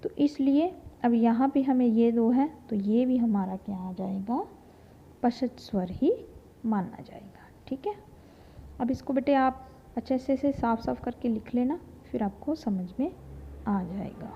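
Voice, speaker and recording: A woman teaching a Hindi grammar lesson, slowly sounding out vowels and talking to her students as children. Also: on the high side, slight background noise. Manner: slow, drawn-out demonstration of vowel sounds, addresses students as children. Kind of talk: classroom lesson. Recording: dull lo-fi recording.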